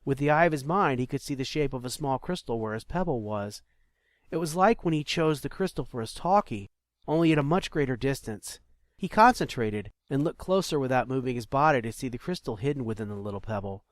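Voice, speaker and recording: A man reading an audiobook chapter in a steady, measured storytelling manner. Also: mid-range voice, dry recording. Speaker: narrator. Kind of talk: scripted audiobook narration.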